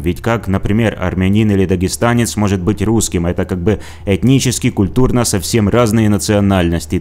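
A man's voice: fairly low pitch, darkish tone. A man narrating a scripted commentary video in a sarcastic, mocking tone. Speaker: video blogger.

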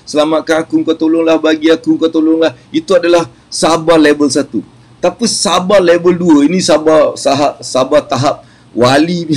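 Malaysian man, Malay accent, husky and a little high; playful business-talk host, chatty, laughs easily. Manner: chatty and playful, often laughing, mixing in English. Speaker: business motivational speaker. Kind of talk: casual live-streamed business talk.

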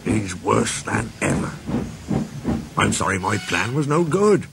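A man's voice: mid-range voice, very animated, normal speed, very noisy. A man voicing a wise old male engine in a storybook reading, with a grave, sly manner. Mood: worried.

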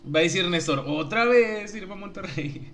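A man's voice: high-pitched, expressive, normal speed, fairly bright tone, a little hiss or hum. A young man with a Mexican accent, a streamer joking and laughing as he reads his chat aloud. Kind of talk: casual live-stream chat.

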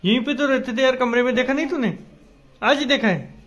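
A man's voice: extremely high pitch, fairly quick, fairly bright tone. A man filming a casual family vlog on a handheld phone, playfully quizzing and teasing young children. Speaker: family vlogger.

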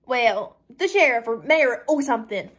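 A woman's voice: fairly high pitch, moderate pace, husky, voice pushed up. A woman voicing a callous young female cult member who brags coldly about violence, reading a dramatic script. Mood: boastful. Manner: boastful, coldly matter-of-fact with bursts of excitement.

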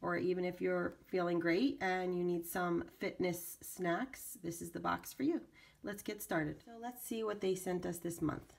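Low, creaky-voiced woman with a cold. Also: steady tone, unhurried, a little hiss or hum. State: congested from a lingering cold. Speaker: video channel host. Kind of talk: casual product unboxing narration.

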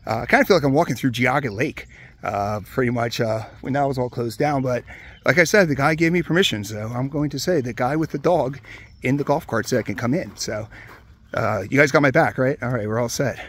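A man from the Hershey area of Pennsylvania walks outdoors through an old amusement park, talking casually into a handheld camera. His delivery is relaxed and conversational, dotted with "uh" and "um" as he points out rides. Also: medium pitch, a little fast. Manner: relaxed, chatty, many "uh" fillers. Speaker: vlogger exploring a closed amusement park. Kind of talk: casual walk-around commentary.

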